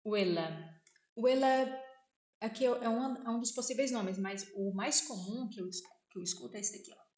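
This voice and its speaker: A woman's voice: mid-range voice, darkish tone. Brazilian woman teaching in an echoey room. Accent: Brazilian Portuguese. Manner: repeats words slowly, asks "né?" often. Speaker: vlogger teaching vocabulary. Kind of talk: casual spoken lesson.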